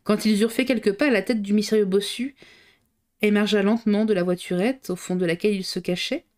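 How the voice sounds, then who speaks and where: A woman reads a classic novel aloud on a live stream. Her narration is steady and clear, in a voice of middling pitch for a woman. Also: brisk.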